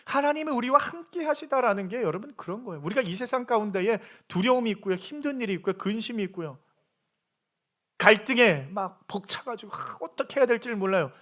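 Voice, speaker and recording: A man's voice: sits high, lively intonation, quick pace, fairly bright tone. A man preaching a sermon as pastor of his church, earnest, with repeated rhetorical questions to the congregation. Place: church sanctuary.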